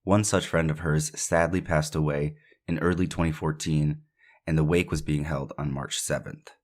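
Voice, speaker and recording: A man's voice: rumbling low, steady tone, normal speed. A man hosting a true crime podcast, narrating a case with opinionated, casual asides between the facts he reads.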